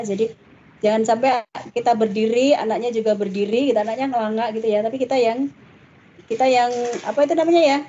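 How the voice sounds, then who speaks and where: A woman's voice: on the high side, dark tone, muffled recording, slight background noise. A woman giving a parenting talk in a chatty way, full of tag questions. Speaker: parenting speaker.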